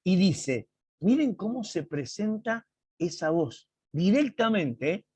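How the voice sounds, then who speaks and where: Man, Bible teacher in an online class, husky voice, dry close sound. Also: high voice, big pitch swings, darkish tone, no echo. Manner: slow, emphatic explaining with dramatic read-aloud quotes. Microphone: video call.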